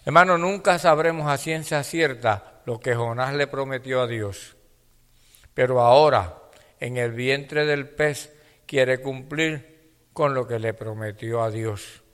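A man preaching a sermon to his congregation, swinging between hushed near-whispers and loud fervent passages, calling his listeners brother. His voice carries the long reverb of a church hall. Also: medium pitch, slow, clean tone.

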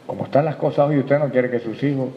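A man preaching a sermon, calling his listeners brother and swinging from quiet reflection to loud, emphatic bursts. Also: mid-range voice, fairly even intonation, fast talker, slight background noise. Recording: echoey hall, dull lo-fi sound, faint ambience.

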